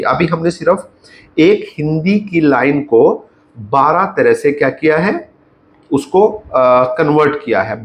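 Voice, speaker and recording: A man teaching grammar, slowly and repetitively drilling example sentences. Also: medium pitch, a little hiss or hum. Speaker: English teacher. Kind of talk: explaining grammar on a whiteboard.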